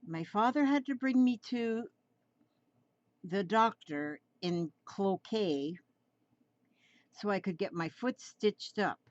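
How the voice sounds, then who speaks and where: A woman's voice: mid-range voice, takes it slowly, long pauses, a little mellow, no echo, highs cut off. A woman in her seventies chatting through a drawing tutorial, rambling and coaxing, often repeating her phrases. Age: 70s.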